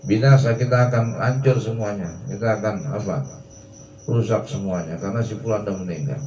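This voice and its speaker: A man teaching as an ustadz at an evening religious study, reading Arabic slowly and then explaining it in casual speech. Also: lowish voice, dark tone, slight background noise. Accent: Indonesian. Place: mosque or prayer hall at night. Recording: roomy, distant mic, faint crickets.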